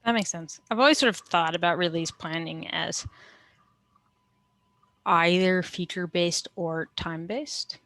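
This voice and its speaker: A woman's voice: lowish voice, measured pace, a bit bright, dry recording. A woman talking casually as a team member in a work meeting.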